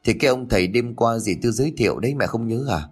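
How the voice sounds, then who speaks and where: A man's voice: medium pitch, fast, husky, faint music behind, natural voice. A man voicing an anxious young man lying in a hospital in an audio story. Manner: stammering, anxious. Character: frightened, nervous young man patient.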